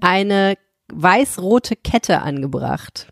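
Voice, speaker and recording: A woman co-hosts a podcast and tells everyday anecdotes in relaxed, animated chat. She acts out her own thoughts as she goes. The recording is close and dry, with no room sound. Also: lowish voice, extremely slow, gravelly, no room sound. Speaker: podcast co-host. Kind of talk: casual chat.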